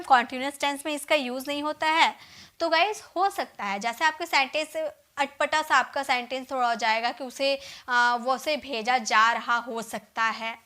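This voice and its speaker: An Indian woman with a high, pushed, bright voice teaches an English grammar lesson. She explains in Hindi and dictates example sentences slowly, one word at a time.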